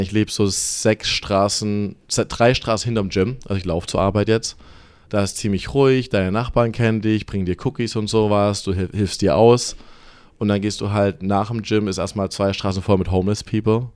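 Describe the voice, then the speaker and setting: A man in his thirties from southwest Germany talks as a podcast guest, with a deep, low voice. He tells his stories in a lively, casual way and drops English words into his speech. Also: fairly quick, no echo. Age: 30s. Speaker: podcast guest, gym staffer. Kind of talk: casual chat.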